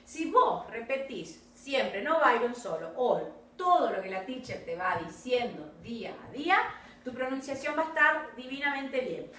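A woman with an Argentine Spanish accent, an English teacher recording feedback for young pupils, correcting them and repeating English phrases slowly while switching between Spanish and English. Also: fairly high pitch, very animated, sharp tone, reverberant, recorded from a distance.

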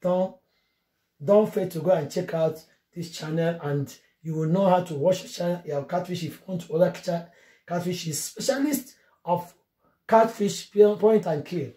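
A woman's voice: fairly low pitch, unhurried, dark tone. A woman vlogging a cooking tutorial from her home kitchen, chatting through each step to her viewers. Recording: roomy kitchen echo, faint noise.

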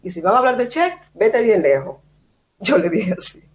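Cuban woman guest, lively storyteller, mid-pitched, speaking on a video call. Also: moderate pace. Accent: Cuban Spanish. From Cuba. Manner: animated storytelling, quotes herself. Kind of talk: casual chat.

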